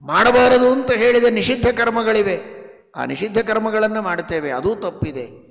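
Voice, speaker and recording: A religious teacher with a North Karnataka Kannada accent delivers a devotional sermon in a fairly high, gravelly voice. He chants Sanskrit verses slowly, alternating loud, emphatic stresses with quiet asides, while a long hall reverb rings on.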